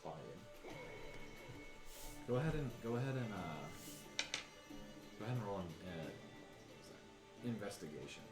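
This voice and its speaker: Man, game master, very low voice, loose rambling narration, roomy sound, loud music behind. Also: unhurried, pauses often. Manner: relaxed, full of ums and restarts.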